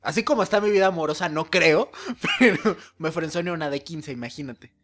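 A man's voice: a little high, brisk, very noisy. A young man from Mexico with a Mexican accent, co-hosting a podcast in casual, joking chat and laughing often. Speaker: podcast co-host.

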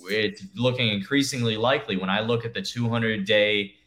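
A man's voice: fairly low pitch, fairly even intonation, normal speed, pushed and bright. A man co-hosting a casual chat, talking in a loose, rambling way full of "you know". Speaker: podcast co-host. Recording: echoey room.

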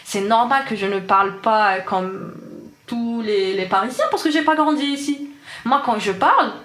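An interviewee in her twenties, an Algerian engineer with Arabic as her mother tongue, offers earnest personal testimony in Algerian-accented French. She talks at normal speed in a fairly high, slightly bright voice, with a roomy sound.

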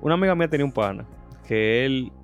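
Quick, joking man. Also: medium pitch, lively intonation, dull audio, soft background music. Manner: joking, swears freely. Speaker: podcast co-host, teacher. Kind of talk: casual podcast chat.

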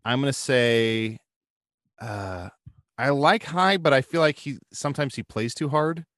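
A man's voice: medium pitch, unhurried, a bit bright, no room sound, studio quality. A man in casual podcast chat who rambles and hedges, thinking aloud as he talks.

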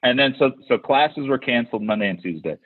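A man's voice: medium pitch, animated, brisk, dry recording. A man hosting a podcast, telling stories in a casual chat and animatedly acting out the voices of the people he quotes, with frequent restarts. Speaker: podcast host. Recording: tinny phone-like, dry sound.

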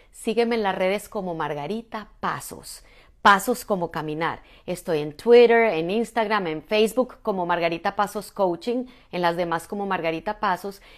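A woman, a mother and motivational speaker, giving an energetic, emphatic talk straight to the listener. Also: medium pitch. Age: adult, mother.

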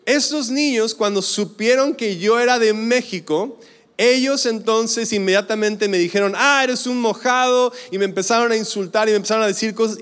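A young man with a Mexican accent tells a personal story in a high, smooth voice. His delivery is loose and conversational, with many fillers. The sound rings with a long hall reverb. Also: a bit bright. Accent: Mexican Spanish. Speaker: speaker. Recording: echoey hall.

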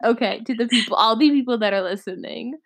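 Her voice is a little high and fairly bright, and she talks fast as a young co-host steering the topics of a laid-back podcast conversation. She sounds hesitant, dropping "um" and "like" constantly.

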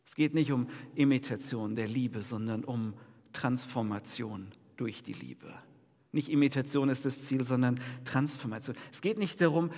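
A male pastor giving a New Year sermon in a lively, conversational preaching style, asking the congregation questions. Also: medium pitch, normal speed, long reverb tail.

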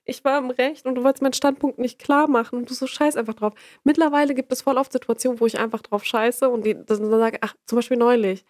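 A German woman in a casual conversation, emphatic and insistent as she argues her point at length. Her voice sits a little high. The sound is dry and close, with almost no room. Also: flat delivery, fast, hardly any pauses, darkish tone, no echo. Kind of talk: casual chat.

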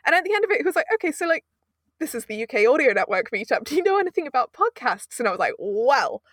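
Speaking fast in a high voice, this young British audio drama producer shares stories during a casual interview. She's animated and pokes fun at herself with lots of laughter, and the studio-quality recording has no echo.

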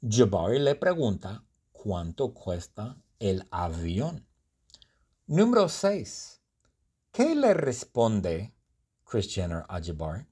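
A man telling a simple story slowly for learners and quizzing them with clear, deliberate questions. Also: fairly low pitch, sing-song, warm tone. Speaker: language teacher.

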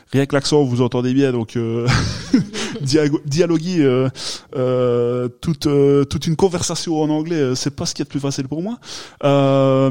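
A man hosts a relaxed podcast chat. His voice is mellow and the sound is dry and close, with no room around it. He hesitates often, filling gaps with little sounds and starting phrases over. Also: mid-range voice, clear, resonant tone, dry recording. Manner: hesitant, many filler sounds and restarts; laughs at his own accent. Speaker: podcast host.

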